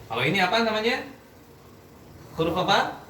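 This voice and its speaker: Teaching Quran recitation to a class, a man speaks at normal speed in a high, sing-song voice with a sharp tone. He frequently quizzes students to make sure they understand. The recording is distant and echoey, with faint background noise.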